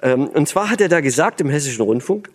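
A man's voice: on the high side, animated, fast talker. A man from Berlin giving a lecture on the church, thoughtful, with many fillers and restarts. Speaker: speaker on church and religion. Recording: long hall reverb.

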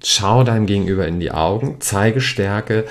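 A man with a very low voice and a gravelly edge talks the listener through handling arguments. His delivery is calm and instructive, addressing "you" throughout like a coach. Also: moderate pace. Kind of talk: advice talk on de-escalating conflict.

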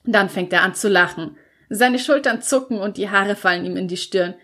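A woman narrates a first-person story for an audiobook. Her storytelling is expressive, and her voice sits at a middling pitch. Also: normal speed.

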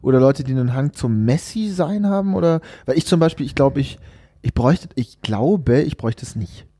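A male podcast host chats informally with a relaxed, dark-toned voice at an average pitch. The sound is very dry and close. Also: fairly quick, dry recording. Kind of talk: casual podcast chat.

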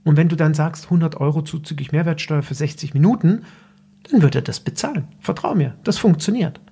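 A man speaks as a business coach on his own podcast, his voice gravelly with a husky, slightly rough edge. He talks straight to the listener in a direct, instructive way, loose and unscripted, with restarts along the way. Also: a little high, lively intonation, brisk, dark tone.

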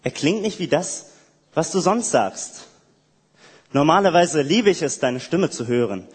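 A man speaking directly to God in a reflective, prayer-like monologue, halting and hesitant, with frequent restarts. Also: a little high, big pitch swings, breathy edge, big-room sound.

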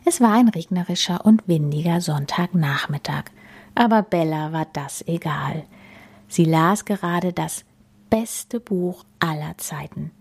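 A woman reading a children's storybook aloud, narrating softly, often in a whisper. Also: sits low, measured pace, breathy edge.

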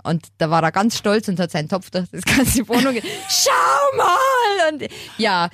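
A woman in her thirties co-hosting a casual podcast chat, chatty and warm-hearted, often halting with fillers. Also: mid-range voice, noisy background. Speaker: podcast co-host.

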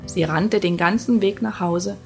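A woman narrating a fairy tale in a calm, measured storybook reading. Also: mid-range voice, music in the background.

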